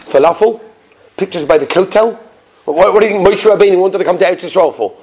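High-pitched rabbi with Yiddish-influenced American accent. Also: male voice, animated, fast talker, a little mellow, slightly rough. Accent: Yiddish-influenced American English. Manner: sing-song questioning, emphatic repetition. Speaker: rabbi teaching a class. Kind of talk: animated religious lesson with rhetorical questions.

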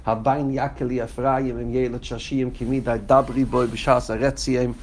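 A man's voice: mid-range voice, flat delivery, normal speed, a little hiss or hum. A man teaching a Torah class as a rabbi, speaking directly to his students and chanting quoted texts in a raised, sing-song voice. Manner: addresses students directly by name.

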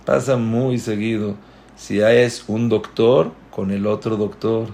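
Slow-spoken man giving a sermon. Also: lowish voice, steady tone, warm tone. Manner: storytelling, moralizing, slow and deliberate. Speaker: religious teacher.

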